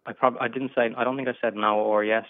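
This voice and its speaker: A man in his twenties from England calls in for casual advice, stammering hesitantly and restarting many times. He speaks in a mid-range voice at a quick pace with a flat delivery. The call comes over a tinny phone line with no echo.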